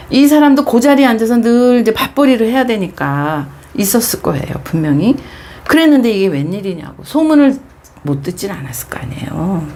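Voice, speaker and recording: A woman's voice: mid-range voice, a little mellow. A middle-aged woman pastor preaching a Bible devotional, telling the story expressively and dropping into whispers for emphasis.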